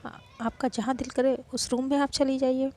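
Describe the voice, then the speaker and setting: A woman's voice: sits high, flat delivery, moderate pace, mellow, voice pushed up, close to an everyday voice. A woman voicing a prim young woman who speaks politely but bossily to her rival. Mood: bossy.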